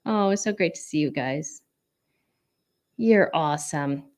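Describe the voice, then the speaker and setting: A woman hosting her own casual livestream from home, chatty and bubbly, with excited whoops between announcements. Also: sits low, slow pace. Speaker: livestream show host and singer-songwriter.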